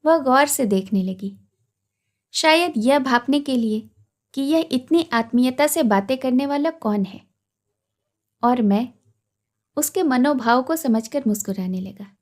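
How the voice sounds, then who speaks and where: A woman storyteller reading a literary story aloud in a measured, expressive way, voicing its characters as she goes. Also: high voice.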